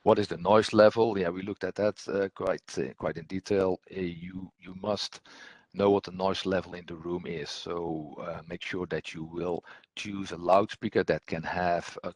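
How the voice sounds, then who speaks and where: Delivering technical training in a low, husky voice, a man steps through slides like an instructor, frequently stumbling with ums and repeats. The recording is close and dry, without any room sound.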